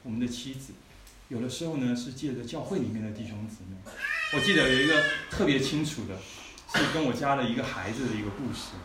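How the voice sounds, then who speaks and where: A man's voice: medium pitch, lively intonation, quick pace. A man preaching a testimony in a conversational storytelling way, often turning to the listeners with asides. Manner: conversational storytelling, frequent "you know" asides. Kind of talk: sermon testimony. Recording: echoey hall, mic at a distance, faint noise.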